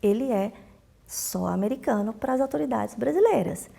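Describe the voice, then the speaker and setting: Her pitch sits fairly high, her intonation is lively, and her dark-toned voice carries vocal fry at an ordinary pace. This Brazilian Portuguese-accented consular official answers interview questions informally, stressing the rules, going back over the main points, and performing the dialogues in her stories.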